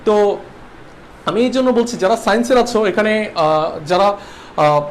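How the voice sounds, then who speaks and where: High-voiced young man teaching a lesson. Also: animated, unhurried, a little hiss or hum. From Bangladesh. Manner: repeats rules, checks understanding with questions. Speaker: online English teacher. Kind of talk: livestreamed exam-prep lesson.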